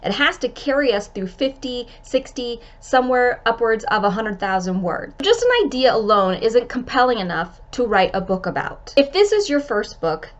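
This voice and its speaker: A woman's voice: medium pitch, fairly bright tone, muffled recording. A woman author giving writing advice in a vlog-style tutorial, talking friendly and straight to camera while stuffed up with a scratchy throat from illness.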